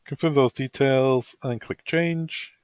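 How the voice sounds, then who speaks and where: Slow and smooth, a man's medium-pitched voice carries a semi-improvised software tutorial, each step explained in a casual, practical way. It's a dry recording of a product tutorial presenter.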